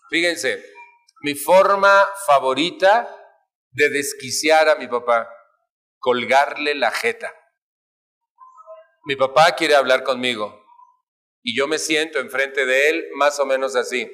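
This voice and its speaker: A man's voice: a little high, sharp tone. A man with a Mexican accent giving a humorous talk to a live audience, playfully acting out family arguments with shifting voices. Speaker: speaker at a family recovery talk.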